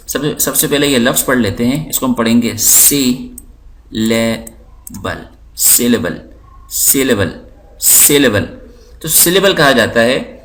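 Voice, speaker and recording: A man with a mid-pitched voice gives a patient, unhurried lesson. He explains step by step as he clicks through his screen and repeats words so that learners can follow. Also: fairly bright tone. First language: Urdu. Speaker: English teacher.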